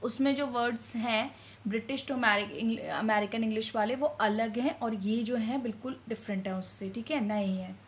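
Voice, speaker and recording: A woman's voice: a little high, normal speed, slight background noise. A woman teaches her viewers, asking a question and then answering it herself, and calls them friends. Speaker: English teacher. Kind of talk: classroom-style teaching.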